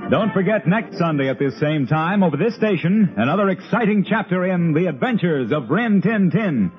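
Old-time radio announcer, man, high-set voice, sign-off read on a muffled 1950s broadcast. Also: expressive, normal speed, music in the background. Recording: dull vintage 1950s radio recording.

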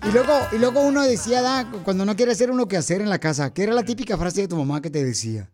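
A man's voice: high voice, animated, rapid-fire, over music. A man with a Mexican accent hosting casual radio chat in slangy, teasing Chicano-style Spanish. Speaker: radio show host.

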